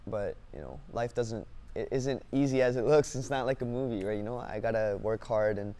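A young man, a singer-songwriter born in South Korea and raised in Canada, answering interview questions in a relaxed, upbeat way with lots of fillers, on a lapel mic in a dim studio. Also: mid-range voice, moderate pace. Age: young adult. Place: dim indoor studio set.

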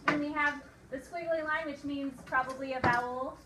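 A woman teacher leading a phonics dictation lesson, modeling each word slowly sound by sound and giving clear, encouraging prompts to the children. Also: high-pitched, steady tone. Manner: slow, sound-by-sound modeling of words. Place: classroom. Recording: echoey room, distant mic, loud hiss.

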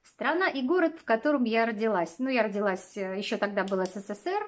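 A woman's voice: on the high side, fast. A woman in her forties from Russia chatting casually to camera in a rambling way, full of fillers and small laughs, in a small wood-panelled room. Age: 40s. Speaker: vlogger.

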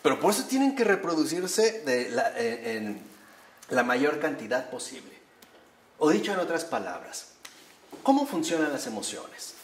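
A man's voice: on the high side, very animated, normal speed. Man lecturing in a roomy hall. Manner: explanatory, often adds tag questions. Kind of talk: talk to a live audience. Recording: roomy echo with faint ambience.

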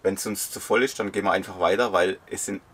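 A travel vlogger in his fifties talks quickly in a low voice, chatting casually inside a camper van and providing voice-over narration. He's relaxed and chatty and agrees often; a slight hiss or hum is audible.

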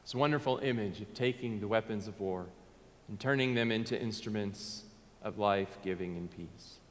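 A man in his thirties with a Southern US accent, preaching a sermon from the pulpit of a church sanctuary, earnest and dropping to a soft hush on key words. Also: on the low side, normal speed. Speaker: pastor. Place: church sanctuary, in front of a Christmas tree. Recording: long hall reverb.

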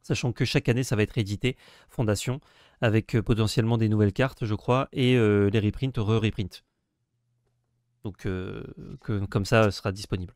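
A man's voice: fairly low pitch, steady tone, normal speed, darkish tone, no room sound, studio quality. A man co-hosting a casual card-game discussion, talking with many hesitations and restarts. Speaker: co-host.

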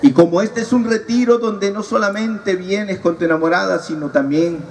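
A man's voice: high voice, normal speed. A man giving a humorous preaching talk at a youth retreat and teasing his audience. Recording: distant mic, audible crowd, noisy.

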